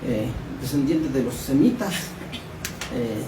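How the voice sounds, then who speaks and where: A man's voice: medium pitch, animated, slow. A man preaching in a church, reading scripture and asking the congregation questions. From Mexico. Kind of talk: Bible study sermon. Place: church hall. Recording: echoey room, distant mic, background noise.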